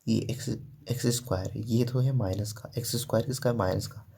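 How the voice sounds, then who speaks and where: A man's voice: on the low side, steady tone, fairly quick, creaky, dark tone, slightly rough. A man teaching a math lesson step by step, asking questions and answering them himself, with frequent "ठीक है" and "देखो".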